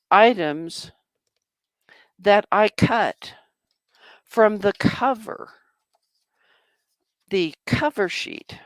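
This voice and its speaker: Slow, chatty woman crafting at home. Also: lowish voice, dry recording. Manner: chatty, talks to herself while working. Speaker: craft vlogger. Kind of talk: casual crafting demonstration.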